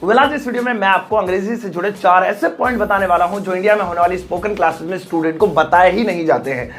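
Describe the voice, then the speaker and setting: Chatty high-voiced Indian male teacher. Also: fast talker, faint music behind. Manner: chatty, acts out little scenes with friends and pupils. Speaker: English teacher. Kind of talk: Hindi-language English lesson to camera.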